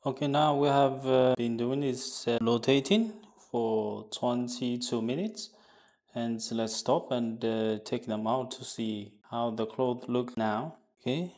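A man talking through a hands-on laundry test at a lab bench, unscripted, with many pauses, fillers and restarts. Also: mid-range voice, steady tone, darkish tone, soft background music. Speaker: product demonstrator.

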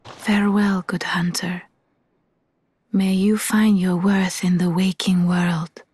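Give this game character the voice of a talking doll: gentle, solemn and devoted. She speaks in a very breathy, hushed whisper, with slow, formal phrasing and a close, soft delivery. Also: on the low side, flat delivery, no room sound. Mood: serene, tender. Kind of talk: video game character dialogue.

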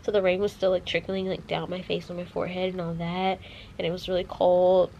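A woman in her twenties films a casual travel vlog indoors in a hotel room and a shop, holding the camera at arm's length. Her lowish, gravelly, dark voice is flat, a little fast and slightly nasal from a cold, packed with chatty "like" fillers. The recording is muffled with slight background noise.

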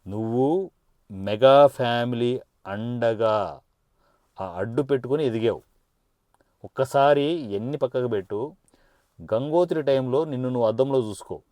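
A man's voice: medium pitch, measured pace, long pauses, mellow, no room sound. A man, a political party supporter, delivers an angry and taunting rant that he speaks straight at his target, with threats in it. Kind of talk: angry direct-address rant.

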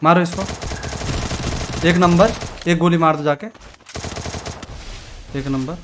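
A high-pitched man calls out rapid, bossy orders to his teammates over voice chat. Faint gunfire and clicking sit underneath his voice. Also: steady tone, background noise. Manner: shouts quick commands, urgent and bossy. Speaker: gamer streamer. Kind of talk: excited team voice chat during a shooter game.

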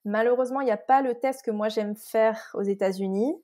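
A woman's voice: fairly high pitch, a little fast, mellow. A woman from Scotland, a nutritherapist guest, explaining things in a casual interview chat with frequent restarts.

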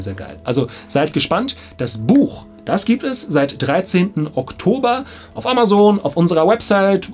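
A man in his thirties with a slightly high, darkish voice and a breathy edge addresses the camera as an audiobook director. He's casual, enthusiastic and slangy, set in a small studio control room with music in the background.

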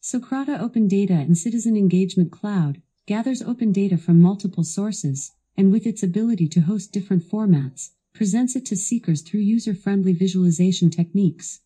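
A female voice assistant reads scripted product demo narration in a polished, instructional style with clear enunciation. Her medium-pitched, mellow voice moves a little fast with hardly any pauses.

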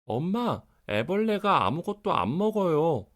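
A man acts out a small, worried animal child from a picture book. The pitch sits high and swings about anxiously, while each word stays very clearly enunciated. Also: sing-song, unhurried. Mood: worried, alarmed. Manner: carefully enunciated. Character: anxious young child animal Ferdy, fretting over caterpillar.

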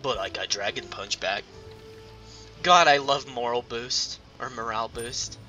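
A man chatting casually while playing a game, excitable, jokey and foul-mouthed. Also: mid-range voice, measured pace, faint music behind. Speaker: gamer. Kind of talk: casual game chat with goofy put-on voices. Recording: noisy game audio behind the voice. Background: game sounds.

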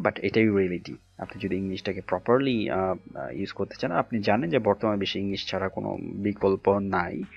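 A man's voice: on the low side, gravelly, breathy edge. A man from Bangladesh teaching an online English lesson, reading out word lists with many fillers. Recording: dull lo-fi recording with faint music.

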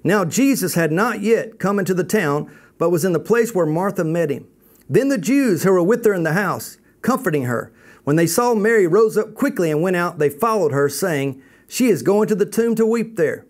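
Animated man teaching from scripture. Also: high voice, moderate pace. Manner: animated, reads scripture aloud and comments with emphasis. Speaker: Bible college teacher. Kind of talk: Bible teaching lecture.

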